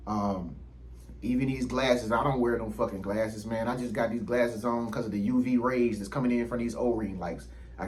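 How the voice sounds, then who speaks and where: A man in his thirties speaks in a fairly low voice, addressing his viewers directly from a room lit by ring lights. His talk is casual and meandering, packed with slang, cursing and fillers as he drifts from point to point. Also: darkish tone, slight background noise, rough recording. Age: 30s. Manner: slangy, profane and rambling, with frequent fillers. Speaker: YouTube channel host. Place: indoors under ring lights.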